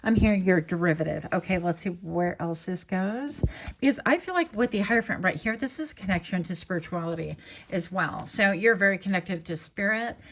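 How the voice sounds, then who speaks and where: A woman's voice: fairly low pitch, fairly quick, fairly bright tone, a little hiss or hum. A woman doing a casual tarot reading to camera, chatty and rambling, correcting herself and laughing lightly as she goes. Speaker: tarot reader.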